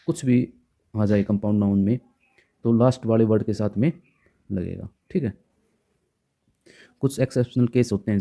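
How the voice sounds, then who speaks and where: A man explains grammar rules to students. His voice is very dark and sits low in pitch, and his delivery stays patient and unhurried, repeating each point and checking in often. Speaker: grammar teacher. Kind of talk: classroom grammar lesson.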